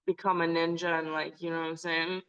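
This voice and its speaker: A young woman hosting a podcast, chatty and effusive, full of fillers and warm praise for her guest. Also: low-pitched, flat delivery, fairly quick, clean tone, muffled recording. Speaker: podcast host. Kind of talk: casual podcast interview.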